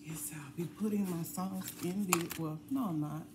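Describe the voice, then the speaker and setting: A low-voiced woman chats casually to her viewers while she works in her kitchen, and she sounds tired. Clear household noise runs behind her voice. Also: moderate pace. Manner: chatty, talks while cooking and cleaning. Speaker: family vlogger. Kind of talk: casual chat. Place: home kitchen.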